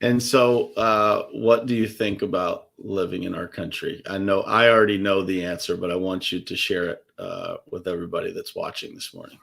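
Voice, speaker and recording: A man's voice: deep voice, normal speed, gravelly, hardly any pauses, fairly bright tone. A man hosting a casual interview, easygoing and full of filler words. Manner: easygoing, lots of "uh" fillers and restarts. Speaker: show host.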